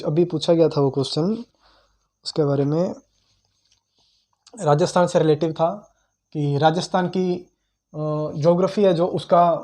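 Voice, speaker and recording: A young man gives an informal history lecture in a relaxed, chatty style. His voice is slightly high yet mellow and warm, and he repeats key names and terms for emphasis, often pausing with "uh" as he tries to recall details.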